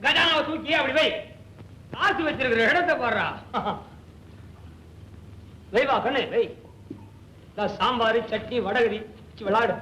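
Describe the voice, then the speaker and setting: An actor playing a chatty, teasing working-class man in a 1960s film comedy, scolding and joking in quick comic patter. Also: very high voice, pushed and bright, roomy sound, slight background noise, full character voice, rough recording. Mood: bossy jokey. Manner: joking, scolding, fast-talking.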